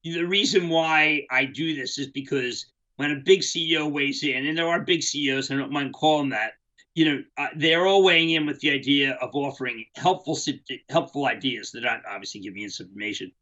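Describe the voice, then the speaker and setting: A man's voice: mid-range voice, brisk, pushed and bright, lo-fi sound. A middle-aged man giving unscripted market commentary, rambling and emphatic with many restarts.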